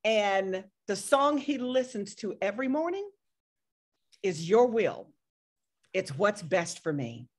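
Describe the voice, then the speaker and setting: A woman's voice: medium pitch, big pitch swings, takes it slowly, long pauses. A woman hosting a gospel interview, talking casually and answering with amens and hallelujahs. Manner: warm affirming interjections, says amen and hallelujah. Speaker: interview host, radio personality.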